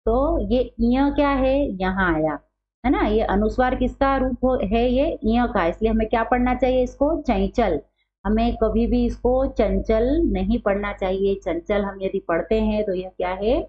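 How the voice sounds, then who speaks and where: A woman's voice: a little high, normal speed. A woman teaching a grammar lesson, who poses questions to the class and answers them herself, repeating key terms. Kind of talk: Hindi grammar lesson, explaining at a board. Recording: dull lo-fi recording with faint hum.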